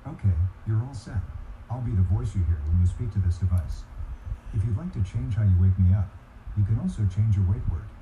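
A male voice assistant speaking even, polite prompts, played out of a Bluetooth speaker across the room. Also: on the low side, brisk. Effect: played through a Bluetooth speaker. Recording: dull speaker sound from across a room, noise behind.

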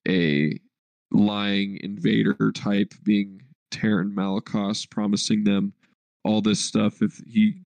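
A young man with a low, gravelly voice chatting casually on a podcast, close to a dry mic. He is laid-back, drops curse words freely and strings his thoughts together with fillers. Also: little pitch movement, slow pace, a little mellow, dry recording. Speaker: podcast co-host. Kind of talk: casual chat.

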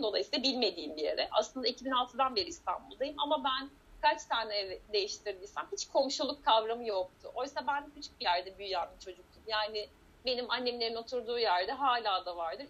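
A woman's voice: on the high side, expressive, brisk, fairly bright tone, breathy edge. A woman in a casual conversation, talking in an earnest, reflective way as a guest. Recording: dull lo-fi sound.

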